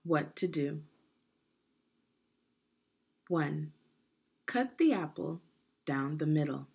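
A woman with a slightly low, gravelly voice, an education consultant, reads aloud to children. She phrases each part deliberately like a teacher, her pitch swinging in lively arcs, and she asks the listener questions.

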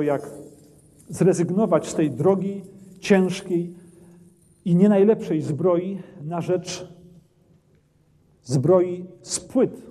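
In a dim brick castle armoury, a middle-aged man presents a history documentary, pointing at the armour as he explains it. He wears a lapel mic, and his fairly high, dark, slightly rough voice trails off into a long reverb.

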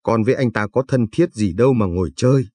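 A man voicing a sharp-tongued young village woman in a told story, speaking in a scolding, snappish way. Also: fairly low pitch, fast, slightly rough, no room sound. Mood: sulky.

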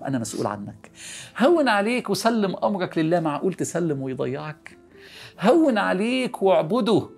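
Gravelly fast-talking Egyptian preacher. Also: male voice, medium pitch. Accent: Egyptian Arabic. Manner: earnest, coaxing, repeats words for emphasis, drops to a soft hush. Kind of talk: motivational religious talk.

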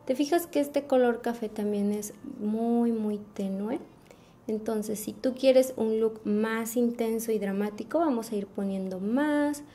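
A woman's voice: a little high, measured pace, dark tone. A young Mexican woman with a Mexican accent giving a patient, step-by-step makeup tutorial, full of affectionate diminutives. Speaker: beauty vlogger.

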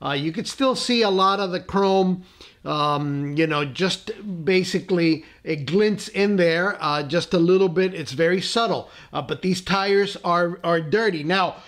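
A man hosting a casual scale-model painting tutorial at his workbench, relaxed and full of "uh" fillers and friendly asides. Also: sits high, measured pace. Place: tabletop workbench indoors.

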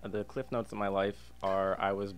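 His pitch is fairly low and barely moves as he talks at a moderate pace. He's a young Canadian from Alberta, a freelance illustrator and designer, casually chatting as a podcast interview guest. The recording, made in a diner's podcast booth, has clear background ambient noise.

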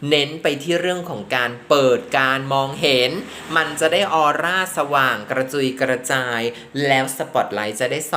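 A man's voice: medium pitch, pushed and bright. A man doing a tarot reading in a chatty, affectionate way, speaking to the contestant as to a younger sibling. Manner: chatty, affectionate, calls the subject "child". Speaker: tarot reader. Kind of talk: casual tarot reading commentary.

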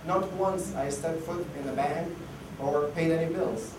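A conference speaker with a voice on the high side keeps a measured pace. He is losing his voice during a casual talk full of fillers and restarts. The sound is noisy and echoey, captured by a far mic in the hall.

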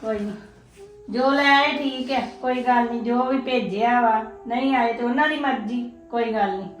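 A woman's voice: fairly high pitch, normal speed, slight background noise, natural voice. A woman playing a middle-aged mother who soothes her daughter-in-law and scolds her son, saying again and again that it does not matter. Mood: soothing. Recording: echoey room.

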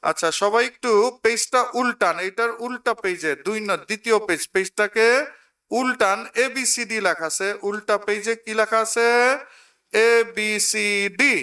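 A man's voice: sits high, a little slow, pushed and bright, distant mic. A man teaching English to a crowd, saying phrases for them to repeat back. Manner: drills a crowd, repeating words for them to echo. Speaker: English teacher and guest speaker. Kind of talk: call-and-response English lesson. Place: outdoor event ground.

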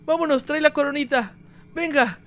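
A man giving energetic gameplay commentary, talking straight to his viewers. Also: extremely high pitch, moderate pace. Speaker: gaming YouTuber.

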